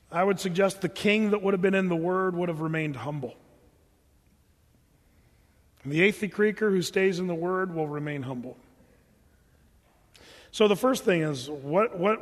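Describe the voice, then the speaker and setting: High-voiced man preaching in a reverberant hall. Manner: conversational and animated, with restarts and asides. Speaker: pastor. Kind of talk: sermon.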